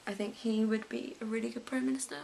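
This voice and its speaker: A woman's voice: fairly high pitch, steady tone, fast talker, creaky, dark tone, a little hiss or hum, low-quality recording. A teenage girl with an English accent, rambling about politics in a casual vlog and often restarting her sentences. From England. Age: late teens. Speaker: vlogger.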